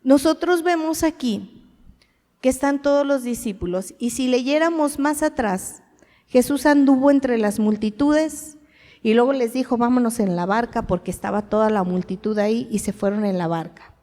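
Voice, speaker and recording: A woman with a fairly high voice preaches a sermon. She talks to the congregation in a conversational way, asks them questions and acts out short quoted lines of dialogue. A long hall reverb trails her words. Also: moderate pace, warm tone.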